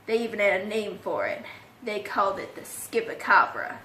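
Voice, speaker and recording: A woman's voice: medium pitch, lively intonation, normal speed, sharp tone, slight background noise. A woman voicing a paranoid older man who believes in conspiracies and is hiding from the world, in a folksy, secretive, ominous manner. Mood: conspiratorial. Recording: echoey room.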